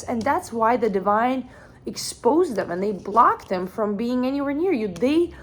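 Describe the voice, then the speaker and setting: A young woman doing a channeled tarot reading in a casual, blunt way, full of "like" fillers and swearing. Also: fairly high pitch. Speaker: tarot reader.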